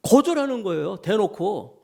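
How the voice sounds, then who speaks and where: A man preaching a sermon as senior pastor, animated and acting out scripture scenes, leading the congregation in call-and-response. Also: high voice, normal speed, vocal fry.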